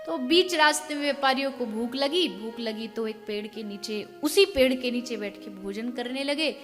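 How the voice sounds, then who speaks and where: A woman preacher giving a devotional sermon, telling a story in an animated way and acting out the dialogue. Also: a little high, moderate pace, long reverb tail, faint music behind.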